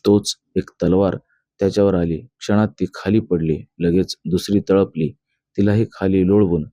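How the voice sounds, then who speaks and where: A man's voice: sits low, mellow, no room sound, lo-fi sound. A man reading a novel aloud as a narrator, telling the story steadily and voicing the characters' lines himself. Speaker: audiobook narrator.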